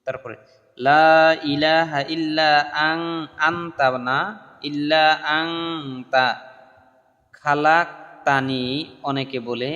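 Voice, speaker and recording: A man teaching a prayer recitation, who chants the Arabic slowly and explains pronunciation errors quickly. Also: a little high, steady tone, sharp tone, long reverb tail, muffled recording. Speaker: religious teacher. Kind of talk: recitation lesson.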